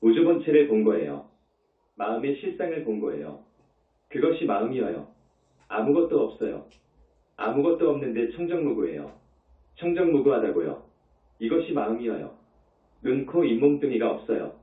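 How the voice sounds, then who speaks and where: A man's voice: medium pitch, big pitch swings, normal speed. A man who is a Buddhist monk, giving a dharma talk in an emphatic way, repeating his points and asking rhetorical questions. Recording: tinny, echoey, distant.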